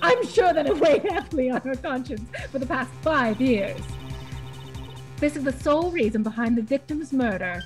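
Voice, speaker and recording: A woman's voice: high-pitched, expressive, moderate pace, faint music behind. A woman voicing a female defense attorney in a casual fan read-through, reading stage directions aloud with mock drama. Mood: dramatic.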